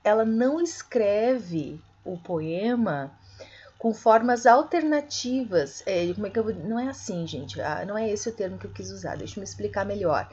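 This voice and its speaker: A woman teaching an online literature class, explaining slowly, with many fillers and corrections. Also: mid-range voice, lively intonation, a little mellow, breathy edge, highs cut off. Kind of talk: online lecture.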